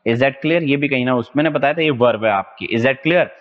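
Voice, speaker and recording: A man's voice: medium pitch, normal speed. Indian man, exam vocab teacher, lo-fi with long reverb, keeps checking students follow. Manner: drills words, keeps asking "is that clear?". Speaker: exam-prep English teacher. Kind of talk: online vocabulary lesson.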